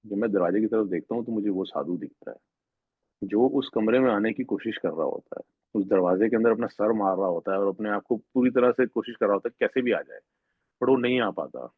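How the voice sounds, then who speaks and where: Speaking fairly quickly, a devotee offers a personal testimony at a devotional gathering, his voice husky and somewhat low. He's earnest but rambling, regularly cutting himself off to restart sentences. Thin, phone-like audio, dry with no echo.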